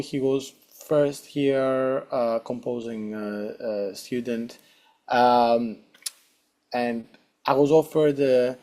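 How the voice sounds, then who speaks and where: A middle-aged guest saxophonist from Greece, speaking with a Greek accent, answers interview questions hesitantly with many fillers and restarts. His voice is mid-range with a dark tone.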